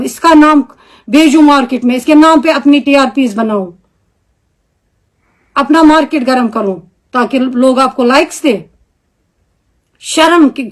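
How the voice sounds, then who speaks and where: A Kashmiri-accented woman with a high voice delivers an angry video statement. She scolds with indignation and piles up rhetorical questions. She speaks as a homemaker and mother.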